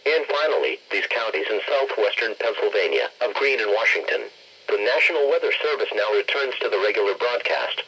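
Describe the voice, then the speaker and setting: A synthetic-sounding man's weather radio voice reading a scripted bulletin in a formal, measured, slightly rough announcer delivery over a radio broadcast. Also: on the low side, lively intonation, bright, forceful tone, a little hiss or hum, rough recording.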